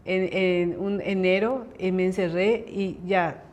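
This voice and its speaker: A middle-aged woman hosting a conversation, telling a personal faith testimony in a lively way and often checking in with her listener. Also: on the low side, slow, dull audio. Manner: lively storyteller who acts out quoted dialogue; often asks listeners to confirm. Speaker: host sharing a personal testimony.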